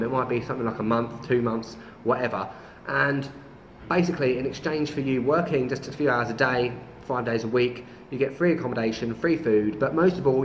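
A man's voice: mid-range voice, a little hiss or hum. A man in his thirties with a London accent, chatting casually to camera as a travel vlogger, rambling with wry asides. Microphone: camera mic. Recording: roomy, slightly dull camera audio.

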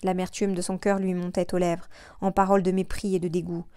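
A woman narrating an audiobook in a measured, expressive reading. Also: on the low side, smooth, no room sound, studio quality. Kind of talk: scripted narration.

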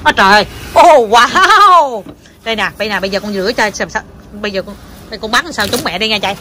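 A mother chatting with her small child in a home vlog, animated and coaxing, with English words mixed into her talk. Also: medium pitch, very fast, background noise. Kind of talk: casual home vlog chat.

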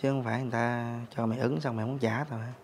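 A man's voice: a little high, fast, over music, lightly acted. A young man with a Southern Vietnamese accent, playing a student who insists his friend repay him. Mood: insistent. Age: young adult. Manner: insistent, cursing. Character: demanding young male student owed money. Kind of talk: web sitcom acting.

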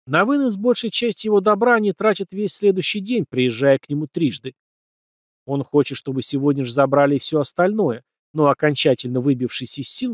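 A man's voice: medium pitch, a little mellow, dry recording, clean studio sound. A man narrating a first-person crime story as an audiobook, acting out bits of dialogue.

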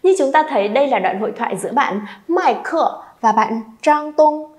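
Lively woman teaching Chinese. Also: high-pitched, moderate pace. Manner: lively, coaxing students to repeat aloud. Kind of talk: beginner language lesson.

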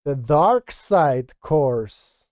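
A middle-aged man, a streamer and film music composer, chats casually on a live music stream from his indoor home studio, thinking aloud and grumbling at himself. His voice is a little high and expressive with a darkish tone, and he draws out his words. He sits close to a studio mic, with no room sound.

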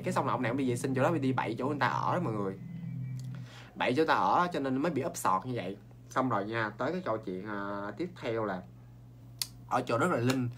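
A man with a Southern Vietnamese accent, hosting a ghost story show in a chatty, animated way and talking straight to his viewers. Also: medium pitch, background noise. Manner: animated, talks straight to viewers, quick asides and laughs.

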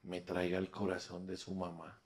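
A man's voice: deep voice, completely flat delivery, normal speed, pitched below the performer's own voice, close to an everyday voice. A man voicing a snobbish, cruel rich schoolgirl in a told story, scornful and bossy. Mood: scheming.

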